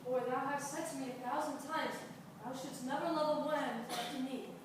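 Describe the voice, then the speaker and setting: Woman doing a bossy lovesick duke, high voice, super echoey hall, far off mic. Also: fairly even intonation, normal speed, background noise, close to an everyday voice. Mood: commanding. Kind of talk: amateur stage acting.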